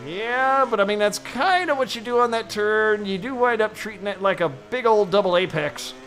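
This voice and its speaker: A man calling a sim racing event as play-by-play commentator, excitable and quick to exclaim. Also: high voice, soft background music.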